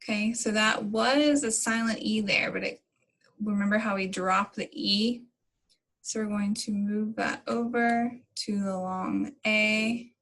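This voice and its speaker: A woman teacher explaining phonics coding step by step in a slow, patient way to young pupils. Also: mid-range voice, steady tone, a bit bright, rough recording. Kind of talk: recorded phonics lesson for children.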